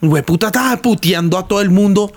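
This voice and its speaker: A man's voice: high voice, fast. A man co-hosting a podcast, joking and swearing through rambling casual talk. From Colombia. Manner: profane, joking, rambling with restarts. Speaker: podcast co-host.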